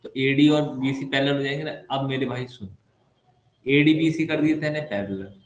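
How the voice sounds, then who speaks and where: A man's voice: medium pitch, steady tone, moderate pace, highs cut off. Male maths tutor, playful, teasing, chatty; roomy echo, faint hiss behind. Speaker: maths teacher. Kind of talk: online class lecture. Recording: echoey room with faint background noise.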